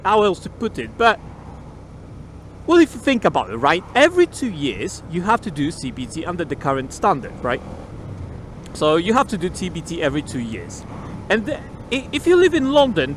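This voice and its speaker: A man's voice: high-pitched, fairly bright tone, slight background noise. Chatty man talking inside a motorcycle helmet. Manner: rambling, swears casually, repeats key words. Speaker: motorcycle vlogger. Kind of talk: casual chat while riding. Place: on a motorcycle in city traffic, outdoors.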